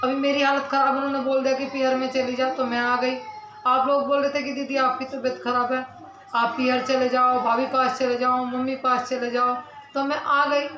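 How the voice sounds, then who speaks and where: Woman, high voice, earnest and defensive, talking to viewers, roomy echo, faint background ambience. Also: monotone, fairly quick, a bit bright, a little hiss or hum. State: mouth pain while speaking. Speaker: village vlogger. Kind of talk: talking to camera, answering comments.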